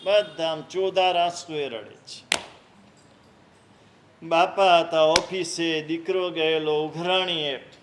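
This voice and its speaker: A man's voice: on the high side, fairly even intonation, slow pace, long pauses, a little hiss or hum. A man, a Jain monk, giving a sermon and acting out a story, voicing the characters' cries with rising emotion.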